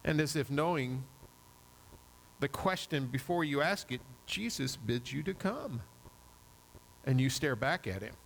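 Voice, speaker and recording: A man's voice: medium pitch, creaky, a little hiss or hum, rough recording. A man preaching a sermon, retelling a Bible story vividly in the second person.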